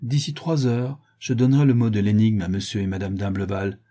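Male reader playing a curt English detective: stern, reproving, husky. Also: fairly low pitch, fairly even intonation, brisk, warm tone, lightly acted.

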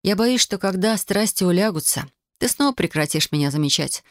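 A male audiobook narrator voicing an anxious, hesitant wife who speaks in a soft, halting voice. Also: high voice, lively intonation, no room sound, clean studio sound, voice pushed up. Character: anxious, hesitant adult woman, the hero's wife. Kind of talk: audiobook dialogue.

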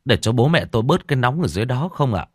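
A man's voice: mid-range voice, sing-song, fast, breathy edge, no echo, studio quality, pitched above the performer's own voice. A man voicing a worried, polite middle-aged man asking for advice in an audio story.

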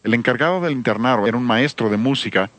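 A man's voice: medium pitch, fast, fairly bright tone, no echo. A man giving an emphatic sermon-style seminar talk on church music, addressing listeners with rhetorical questions.

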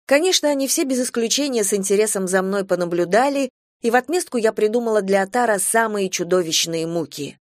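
A woman's voice: medium pitch, animated, fairly quick, dry recording, studio quality. A woman narrating a story in a wry, ironic way.

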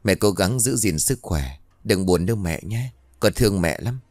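Man playing a mournful girl ghost, slow and pleading, low dry read. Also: lively intonation, a little mellow, dry recording. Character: grieving young woman ghost, sorrowful.

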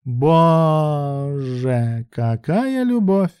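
A man voicing a cruel scheming mother, slow mocking drawl. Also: on the high side, dark tone, no echo, studio quality, voice pushed up, lightly acted. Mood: menacing. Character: scheming cruel older mother, female villain.

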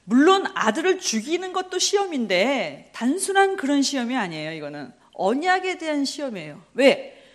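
A middle-aged woman preaches at a Bible study in a fairly high voice that swoops up and down. She keeps throwing questions at her listeners and answering them herself. She laughs often as she tells her stories. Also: very animated, normal speed. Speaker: missionary preacher.

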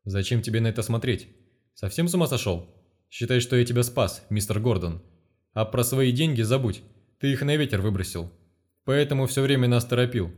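A man's voice: mid-range voice, animated, a little fast, a little mellow, natural voice. A man reading a stern, blunt investigator. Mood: lecturing. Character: stern, commanding male investigator. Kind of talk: audiobook character reading.

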